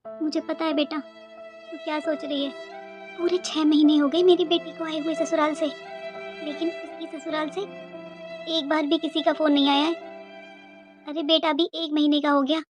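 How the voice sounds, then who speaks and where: Casting: a woman as a fretful, loving cartoon mother, gentle and high-voiced. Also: lightly acted. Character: caring, worried middle-aged mother.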